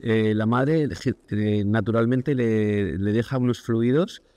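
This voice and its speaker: A man's voice: fairly low pitch, slow pace, warm tone, no echo. A man hosting a casual podcast conversation, speaking reflectively and posing questions. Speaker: podcast host.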